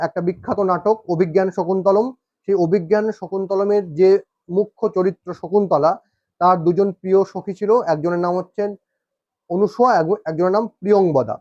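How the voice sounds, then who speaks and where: A man's voice: high-pitched, darkish tone, dry recording. A man teaching Bengali spelling for competitive exams, repeating each point and checking in with his students. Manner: repeats points, asks "ঠিক আছে?" often. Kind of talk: exam-prep grammar lesson. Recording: dull, lo-fi sound.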